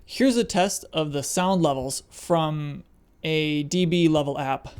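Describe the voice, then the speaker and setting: A man doing a casual camera review reads a test phrase over and over in a measured way. He's in an ordinary room with a window, and his slightly high voice sounds clear and resonant.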